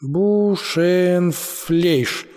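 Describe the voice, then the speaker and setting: A man voicing a cheeky young man who jokes around, in a husky voice with long reverb. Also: on the high side, big pitch swings, unhurried, darkish tone. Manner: jokey, playful.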